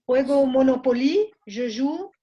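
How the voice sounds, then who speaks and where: A woman's voice: high voice, lively intonation, slow, breathy edge. A woman with a Mexican accent teaching a French class in Spanish, often checking that students follow. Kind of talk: online class lecture. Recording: muffled lo-fi audio.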